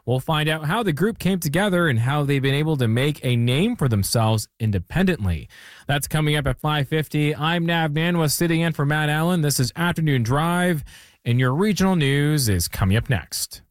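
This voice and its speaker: A man presenting an afternoon radio show, reading scripted links in a smooth, friendly way. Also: fairly high pitch, animated, normal speed, dry recording, studio quality. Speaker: radio host. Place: radio studio.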